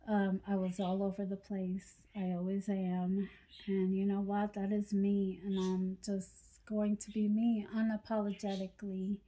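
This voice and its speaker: A woman vlogger speaking slowly and earnestly to her viewers, over-pronouncing each word as she shares encouragement. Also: medium pitch, dark tone. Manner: slow, deliberate, over-pronounced words. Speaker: doll collector vlogger. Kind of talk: heartfelt talk to camera.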